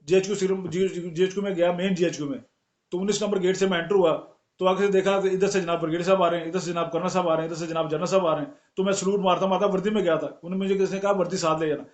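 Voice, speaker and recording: A man's voice: high-pitched, racing, echoey room, lo-fi sound. A man, a former soldier, telling army anecdotes in conversation and acting out the people he quotes. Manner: animated storyteller acting out quoted voices. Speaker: guest, retired soldier.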